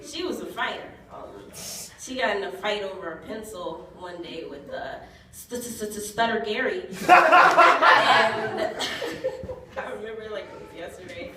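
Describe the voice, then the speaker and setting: A woman performing stand-up comedy, telling her stories deadpan and breaking into laughter at her own punchlines. She is recorded from a distance in a very echoey club. Loud noise from the room sits behind her voice. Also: mid-range voice, unhurried. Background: audience laughter and noise.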